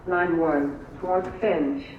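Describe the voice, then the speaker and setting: A recorded transit announcement played over a station loudspeaker, slow, measured and formal. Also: medium pitch, fairly even intonation, narrow, tinny audio. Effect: subway station loudspeaker announcement. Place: subway station platform. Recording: distant loudspeaker in a noisy subway station.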